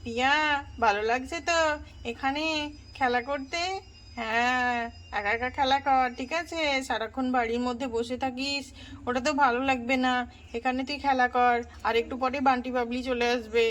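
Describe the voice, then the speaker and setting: A woman voicing a gentle aunt who coaxes and soothes a small child in doll play. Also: high voice, fairly even intonation, normal speed, a little hiss or hum, natural voice. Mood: coaxing. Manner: soothing, coaxing, soft-spoken.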